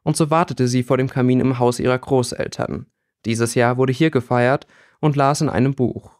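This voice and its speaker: A man's voice: medium pitch, fairly even intonation, normal speed, a little mellow, no room sound. Man reading an audiobook, dry sound. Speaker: audiobook reader. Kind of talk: scripted narration.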